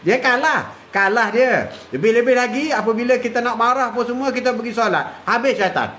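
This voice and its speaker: An older man preaches. His voice sits high, and he repeats key phrases, drops a steady "ha" between lines, and chuckles now and then. A faint ambient hiss sits underneath. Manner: repetitive, drawn-out, punctuated with "ha" and chuckles. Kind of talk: live religious talk.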